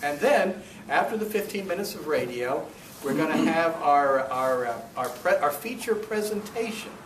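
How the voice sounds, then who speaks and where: A man acting as club president hosts a meeting, giving an informal welcome and announcements. His voice is a little high with lively intonation, and he halts, rambles and corrects himself. The meeting room recording is roomy, taken from a distance with faint noise.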